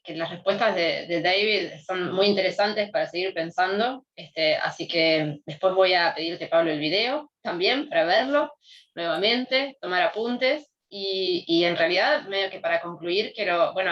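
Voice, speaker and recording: A woman's voice: fairly low pitch, lively intonation, normal speed, a bit bright, muffled recording. A woman, a guest academic, giving courteous, hesitant thanks over a video call. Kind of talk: polite closing remarks.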